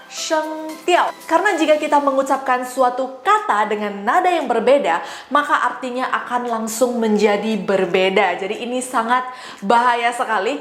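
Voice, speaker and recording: A woman teaching a language lesson, demonstrating sounds and tones slowly and carefully. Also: a little high, a bit bright, echoey room, faint music behind. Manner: slow, careful, exaggerated tone demonstrations. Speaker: Mandarin teacher.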